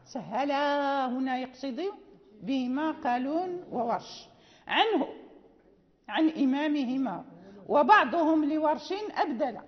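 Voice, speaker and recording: A woman teacher explaining Quran recitation rules in a lecture. She repeats key terms and recites example verses slowly. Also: high voice, expressive. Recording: dull, reverberant lecture recording.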